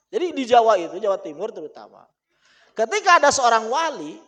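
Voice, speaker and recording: A man with a Sundanese accent teaching an Islamic book study, animated and laughing often as he mixes languages. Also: sits high. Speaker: religious teacher.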